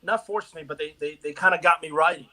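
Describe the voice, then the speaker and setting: A man being interviewed over a video call tells his life story in a loose, casual way. His voice is a little higher than most men's and bright in tone. He is from Miami. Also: fast, rough recording. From Miami, USA. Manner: easygoing storyteller, uses "bro" and "dude". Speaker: guest actor.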